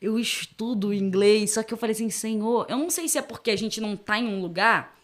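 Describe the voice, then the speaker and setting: A woman's voice: medium pitch, brisk. A young woman, a missionary guest, telling her testimony in a podcast interview and acting out the dialogue she quotes. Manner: animated storytelling, acts out quoted dialogue.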